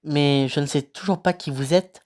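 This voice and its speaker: A woman's voice: low voice, normal speed, a little mellow, close to an everyday voice. A woman voicing a polite, bewildered young boy who asks hesitant, puzzled questions.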